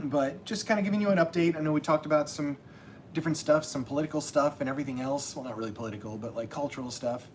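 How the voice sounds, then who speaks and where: A man's voice: fairly high pitch, quick pace, slight background noise. A man hosting a casual livestream as a self-published author, talking in a rambling way with many restarts.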